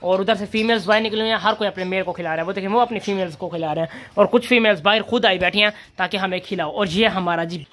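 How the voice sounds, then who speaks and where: A young man with a high, fairly bright voice talks quickly and barely pauses, with a little hiss or hum in the background. He's a vlogger and bird keeper narrating a casual farm vlog, chatting as he feeds his birds and rabbits and calling and coaxing the animals between remarks.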